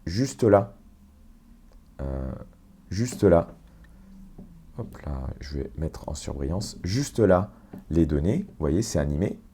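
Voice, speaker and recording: A man walking through a software automation on screen, explaining step by step with fillers and self-corrections. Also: low voice, big pitch swings, takes it slowly, long pauses, a little hiss or hum. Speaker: tutorial presenter. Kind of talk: screen-share software walkthrough.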